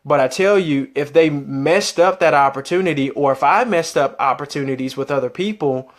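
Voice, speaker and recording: A man's voice: fairly high pitch, moderate pace. A man giving an explanatory, conversational motivational talk, repeating phrases for emphasis and putting rhetorical questions to the listener. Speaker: motivational speaker.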